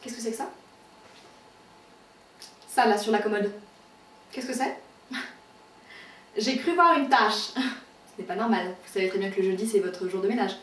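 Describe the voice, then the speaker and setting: A woman's voice: mid-range voice, normal speed, pauses often, a bit bright, close to an everyday voice. A woman playing a bossy bourgeois lady of the house who scolds her maid imperiously. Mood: haughty scolding. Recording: roomy echo, far from the mic.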